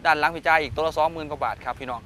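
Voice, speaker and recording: Fast, bright Isan man hyping a livestock sale. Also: on the high side, steady tone, a little hiss or hum. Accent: northeastern Thai (Isan). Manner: repeatedly addresses viewers and prompts for agreement. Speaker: host of cattle-sale videos. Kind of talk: fast, hyped live-seller pitch to viewers.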